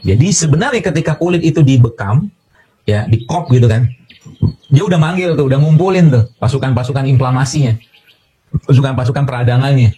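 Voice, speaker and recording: A man's voice: medium pitch, a little fast, warm tone, slight background noise. A man from Indonesia giving a health talk to an audience as a doctor, explaining with everyday analogies and a lot of fillers.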